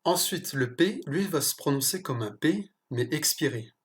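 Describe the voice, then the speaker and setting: A teacher slowly explaining pronunciation, pausing often and correcting small slips along the way. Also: medium pitch, lively intonation. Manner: slow, careful explanation with pauses and self-corrections. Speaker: language teacher.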